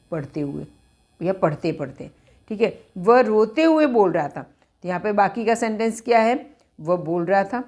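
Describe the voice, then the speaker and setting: A woman teaching English grammar step by step, repeating each phrase and mixing English words into her explanations. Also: fairly low pitch.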